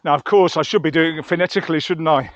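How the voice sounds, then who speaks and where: Talking fast in a slightly high voice, a hiking vlogger reviews gear on a mountain trail, rambling and thinking out loud in a chatty way. The sound is lo-fi, with background noise.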